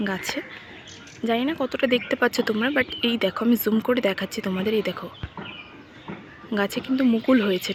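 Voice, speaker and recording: A young woman with a slightly high voice chats casually to her viewers as she walks around a garden. Her phone picks up a clear hiss of outdoor noise, and birds can be heard behind her. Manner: chatty, addresses viewers directly, often asks if they can see. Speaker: vlogger. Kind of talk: casual vlog talk to viewers.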